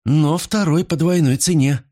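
A man's voice: on the high side, unhurried, warm tone, voice pushed up. A man voicing a young woman bartender who teases her customers in a dry way. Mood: teasing. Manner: teasing, dry.

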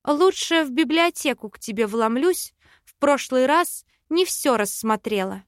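Young heroine, giggly and mischievous, higher and bright, read by a woman; dry close sound. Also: lively intonation, a little slow, no room sound. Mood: playful. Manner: giggly, playful.

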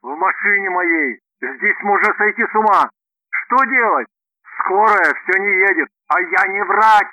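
Frantic, rude businessman, voiced by a man, shouting in a bright, tense, dry voice. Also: high-pitched, expressive, a little slow, no room sound, voice pushed up, heavily acted, low-quality recording. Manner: shouting, desperate, exasperated. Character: panicking middle-aged male businessman, rude and frantic.

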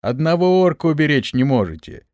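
A man reading an audiobook, voicing a sly, bold young male hero in a brash, lively tone. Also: a little high, brisk, no echo, studio quality, voice pushed up.

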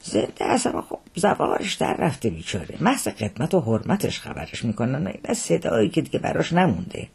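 A man's voice: medium pitch, big pitch swings, gravelly, few pauses, a little mellow, slightly rough, heavily acted. Man reading as a boastful chatty dandy. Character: gossiping male dandy, showing off.

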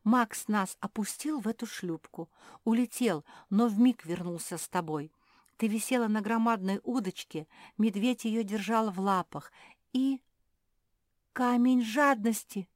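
A woman's voice: mid-range voice, normal speed, darkish tone, dry recording, clean studio sound. A woman storyteller expressively reading a children's story.

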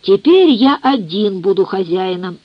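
A woman voicing a huge, bitter, drunken old father who bellows slow, ranting tirades in an audiobook. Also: mid-range voice, lively intonation, no room sound. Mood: drunken raging. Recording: muffled lo-fi dry recording.

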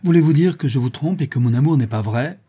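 A lovesick clergyman in a storybook, earnest and hurt, with a very dark, mellow, slightly husky voice, as the male reader puts him on. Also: fairly low pitch, brisk. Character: infatuated, wounded clergyman, middle-aged man.

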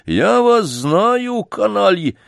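A man's voice: high-pitched, very animated, slow, gravelly, dry recording, clean studio sound, voice pushed up, heavily acted. A man voicing a stout, pompous doctor, condescending and blustering. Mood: threatening. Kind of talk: audiobook character reading.

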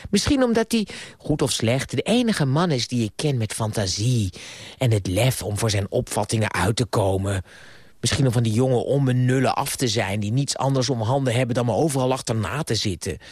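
A man voicing a spoiled, defiant rich young woman in a radio play reading, scornful and sharp-tongued. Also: no echo, clean studio sound, natural voice. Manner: scornful, sharp-tongued, raised falsetto-like pitch.

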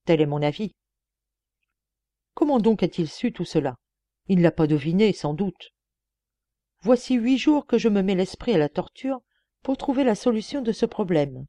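A woman's voice: mid-range voice, animated, moderate pace, pauses often, warm tone, no room sound, lightly acted. A woman reading an earnest young detective. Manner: earnest, persuasive, emphatic. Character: young male police detective, shrewd and earnest.

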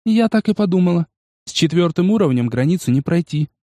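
A man's voice: high-pitched, fairly quick, dark tone, no room sound, studio quality, pitched above the performer's own voice, lightly acted. A man voicing a confident, eager young woman in an audiobook, speaking with authority. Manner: authoritative, upbeat.

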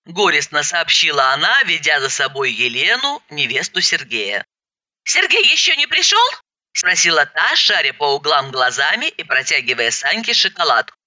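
A woman's voice: sits low, sing-song, moderate pace, sharp tone, dry recording, highs cut off. A woman narrating a first-person story aloud, expressively acting out the dialogue.

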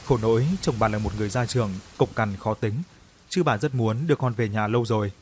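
A man narrating a scripted ghost story in a steady, mournful storytelling manner. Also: on the low side, quick pace.

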